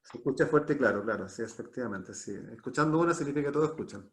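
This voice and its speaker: A Chilean man hosts a live online talk series in a casual, chatty way, often repeating short phrases. His mid-range voice is expressive and his pace is quick.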